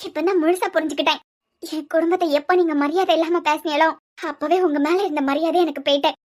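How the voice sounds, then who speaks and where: A woman's voice: high-pitched, fairly even intonation, quick pace, a little mellow, lightly acted. A woman voicing a proud young wife in a cartoon series who fiercely defends her family, lecturing and defiant, with a Kanyakumari Tamil accent. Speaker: cartoon character. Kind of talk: cartoon web series dialogue.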